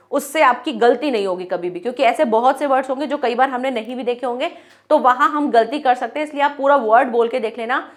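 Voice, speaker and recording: A woman teaching an English grammar lesson, explaining step by step and sounding out words slowly. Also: a little high.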